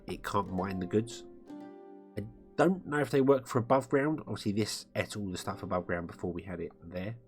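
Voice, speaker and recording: Man, lowish voice, live gameplay commentary, rambling, guitar music underneath. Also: darkish tone. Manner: rambling, thinking aloud with fillers. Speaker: game streamer.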